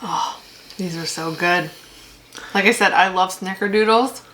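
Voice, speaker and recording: A woman's voice: lowish voice, a little slow, pushed and bright, slight background noise. A woman chatting playfully while baking cookies at home for a vlog. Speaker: vlogger. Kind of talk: casual home vlog chat. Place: home kitchen.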